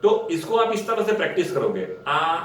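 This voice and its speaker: A man with a somewhat raised pitch teaching acting in a relaxed, conversational way. He explains step by step and sometimes drags out syllables to demonstrate. He is recorded from a distance in a very echoey room with faint background noise. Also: brisk. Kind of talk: casual instructional talk.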